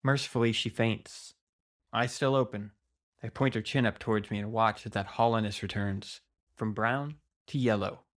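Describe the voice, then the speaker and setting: A man giving a dramatic, scripted first-person narration of a horror story, with deliberate pauses. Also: lowish voice, fairly even intonation. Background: music.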